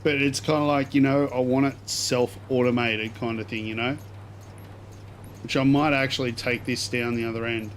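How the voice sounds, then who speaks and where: A man's voice: medium pitch, fairly even intonation, moderate pace. Kiwi man streaming, noisy background. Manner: slangy, rambling, thinking aloud. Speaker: game streamer. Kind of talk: casual live gameplay commentary.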